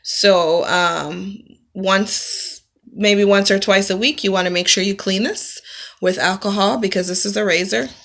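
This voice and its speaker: A bright-voiced woman chatting through makeup tips. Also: mid-range voice, steady tone, measured pace, creaky. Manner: chatty, explains step by step with frequent ums. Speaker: beauty vlogger. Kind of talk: casual makeup tutorial. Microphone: camera mic, close-ups to the lens.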